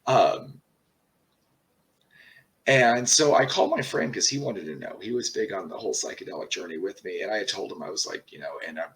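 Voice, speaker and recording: A man telling a personal story in a casual, rambling way, swearing often and pausing on fillers. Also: on the low side, expressive, a bit bright, recorded from a distance. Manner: profane, rambling, halting with many fillers. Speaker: channel host.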